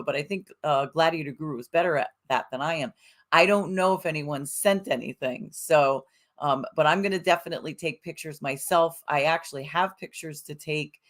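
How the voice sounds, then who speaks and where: A middle-aged woman with a low-pitched voice hosts a live-streamed self-help show. Bubbly and casual, she greets viewers by name and rambles with lots of fillers.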